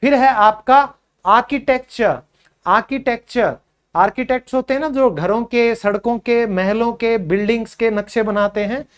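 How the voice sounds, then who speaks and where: A man teaching spoken English to beginners, repeating each word slowly and calling his learners friends. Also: extremely high pitch, smooth.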